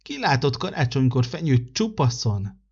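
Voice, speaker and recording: A man's voice: medium pitch, big pitch swings, a little mellow, breathy edge, muffled recording. A man voicing a small, anxious young fir tree that frets and complains in a storybook tale. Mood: eager. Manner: fretful, complaining.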